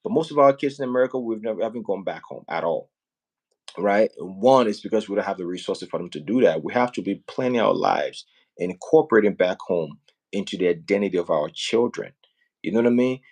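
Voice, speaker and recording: Animated and fairly quick, this man's creaky, darkish voice sits on the low side. A Liberian host of a casual live stream, he pitches building homes back home with earnest persuasion, often asking "right?" and "you know what I mean?"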